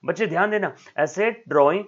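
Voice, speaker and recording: A man's voice: high voice, normal speed, dull audio. A man teaching accounting in a recorded video lecture, switching between Hindi and English terms, calling his students "my child" and checking in with "yes or no?". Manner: calls students "beta" and "my child", asks "yes or no?".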